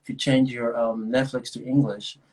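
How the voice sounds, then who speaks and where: A young adult man with a Nigerian accent, an actor appearing as a guest, chats casually on video, rambling with many restarts and frequent laughs. His voice is medium-pitched, level in tone, a little mellow, and at a normal speed.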